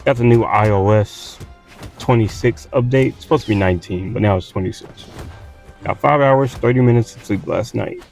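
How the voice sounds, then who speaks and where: A man's voice: lowish voice, moderate pace, gravelly, darkish tone, faint music behind. A man from Texas with a Southern accent, tired from little sleep, rambling casually with lots of fillers and restarts while playing a game. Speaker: gaming streamer.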